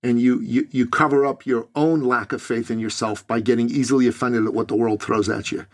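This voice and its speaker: A man from Iran hosting a casual podcast interview, easygoing and quick to laugh at himself. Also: mid-range voice, fairly even intonation. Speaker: podcast host.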